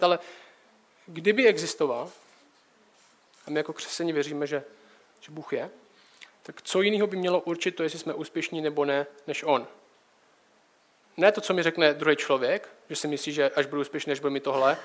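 Young guy with a high voice doing a chill sermon, keeps asking the listener questions. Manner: conversational, direct address with rhetorical questions. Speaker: preacher.

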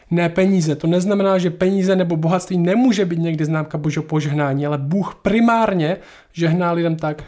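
Man, somewhat high voice, earnest and explanatory; reads scripture and answers listener questions. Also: darkish tone. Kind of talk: Bible reading and explanation.

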